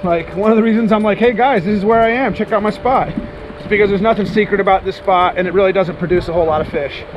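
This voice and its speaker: A man's voice: sits high, fast, highs cut off, background noise. A man in his thirties talking casually to an action camera outdoors on a rocky ocean jetty, explaining as he goes in an easygoing, chatty way. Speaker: fishing vlogger. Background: music under the talk.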